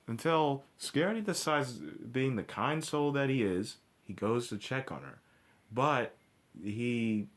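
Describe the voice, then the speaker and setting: Pitched fairly low with a slightly bright tone, this man gives ranting, informal commentary reviewing a cartoon episode. He swears bluntly and keeps stopping, doubling back, and starting his sentences over.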